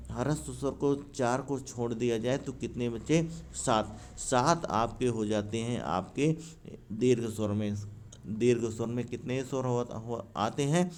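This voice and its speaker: A man's voice: mid-range voice, darkish tone. A man teaching grammar for an exam from handwritten notes, calling viewers friends and asking and answering his own questions. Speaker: exam-prep YouTube teacher.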